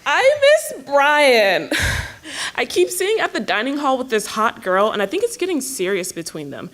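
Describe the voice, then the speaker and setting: A woman's voice: a little high, sing-song, brisk, a bit bright. Woman playing a heartbroken student fixated on her ex. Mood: wistful. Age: young adult. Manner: rambling, giggly, obsessive. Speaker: student acting in a skit.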